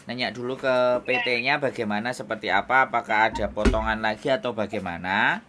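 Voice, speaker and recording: A man's voice: on the low side, brisk, background noise. A man with a Javanese accent giving firm advice over a phone call, lecturing and checking if he is understood. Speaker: advisor to migrant workers.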